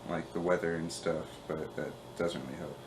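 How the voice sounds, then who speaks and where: A man's voice: a bass voice, little pitch movement, normal speed, noisy background. A man playing in a tabletop game, easygoing and thinking aloud as he plans his moves. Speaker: player. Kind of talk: casual chat at a tabletop game.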